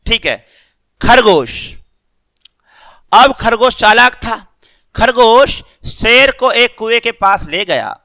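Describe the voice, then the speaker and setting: Guy teacher retelling a kids story, high clear voice, dry close sound. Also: slow pace, pauses often, no echo. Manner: retells the story, quoting the characters in a lively way. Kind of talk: explaining a storybook lesson to children.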